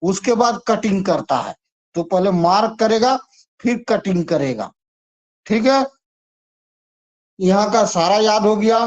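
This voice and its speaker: A man's voice: high voice, unhurried, pauses often, darkish tone. A man teaching an exam-prep lesson, chatty and repetitive as he coaxes students through memory tricks. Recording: dull lo-fi sound.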